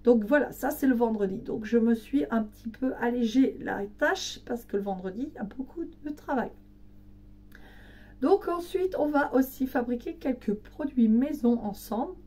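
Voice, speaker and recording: Hoarse, raspy woman with a weakened voice. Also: fairly high pitch, expressive, normal speed, mellow, far from the mic. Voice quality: raspy, partly breathy voice from voice loss. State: hoarse, weak voice recovering from laryngitis. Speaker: home cleaning vlogger. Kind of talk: casual chat to camera.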